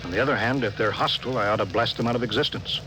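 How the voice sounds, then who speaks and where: An actor playing a stern, authoritative starship captain in a 1950s radio drama, speaking in a clipped, commanding way. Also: male voice, mid-range voice, very fast, music in the background, close to an everyday voice. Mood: stern, deliberate. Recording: noisy old 1950s radio broadcast.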